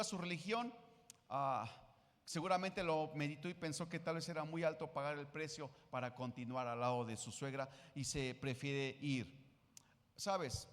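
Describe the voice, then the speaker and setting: A somewhat high-voiced man preaches to his congregation as their pastor, checking in with frequent questions and voicing the lines of the people in the story. His voice rings out with a long reverb through a church hall. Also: fairly bright tone. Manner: asks the congregation questions often; acts out the biblical women's lines. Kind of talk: sermon. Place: church sanctuary.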